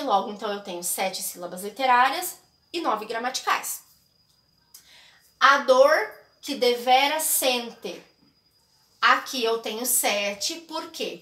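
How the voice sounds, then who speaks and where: A woman's voice: on the high side, a bit bright. A woman teacher with a Brazilian Portuguese accent explaining a literature lesson and often checking in with her students. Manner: explanatory, checks in with frequent tags. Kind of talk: recorded classroom lesson. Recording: echoey room.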